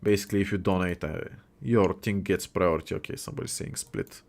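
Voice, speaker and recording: Deep, gravelly, a bit mellow, and fairly quick, this is the voice of a young livestream host from Bulgaria, a native Bulgarian speaker. He keeps things chatty and jokey, reading the chat aloud and responding to viewers.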